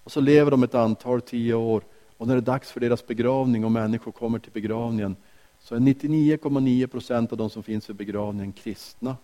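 A man preaching a sermon, earnest, with rhetorical questions and slow, emphatic repetitions. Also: mid-range voice, steady tone, mellow. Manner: frequent small restarts. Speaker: pastor.

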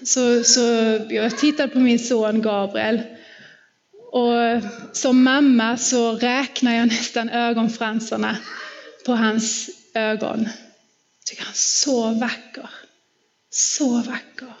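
A woman's voice: a little high, level tone. A woman in her thirties giving a sermon in a church, telling personal stories in a conversational way. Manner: warm personal storytelling, conversational. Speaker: preacher. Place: church hall. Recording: dull sound with long hall reverb.

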